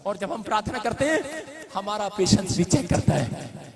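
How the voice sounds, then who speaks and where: A man preaching a sermon to a live congregation, telling animated stories, mixing in English words and rising to shouts. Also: high-pitched, moderate pace, creaky. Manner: rises to shouts to rouse the crowd. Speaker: pastor. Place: church before a live congregation. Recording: live crowd in a church. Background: congregation responding.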